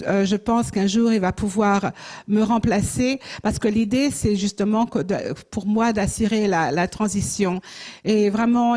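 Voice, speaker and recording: A woman's voice: medium pitch, darkish tone. A French woman in her sixties with a slight Jamaican tinge to her accent, giving a missionary presentation in church, hesitant and searching for words.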